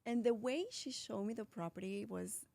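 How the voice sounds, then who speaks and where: A woman's voice: medium pitch, moderate pace, creaky, warm tone. A woman born in Colombia and raised in Philadelphia, talking casually as a real estate agent guest, with restarts and fillers. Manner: chatty, restarts, many fillers. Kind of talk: casual interview answers.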